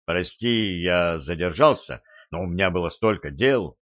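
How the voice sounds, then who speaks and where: Smooth-talking lying young man, read by a man, eager, persuasive, low voice, slow, dry dull audiobook sound. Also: animated, fairly bright tone, no room sound.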